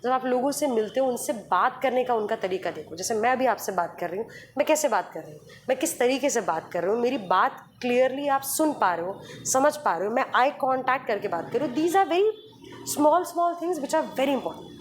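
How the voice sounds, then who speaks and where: A woman's voice: a little high, expressive, moderate pace, slight background noise. A woman radio jockey being interviewed, explaining patiently with examples and slipping in English phrases. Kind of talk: podcast interview conversation.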